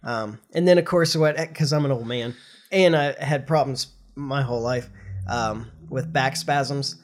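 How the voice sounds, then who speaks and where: Here the congested, nasal host speaks a little slowly at medium pitch. The middle-aged man, recovering from flu, chats loosely on his podcast and breaks down the news in everyday terms.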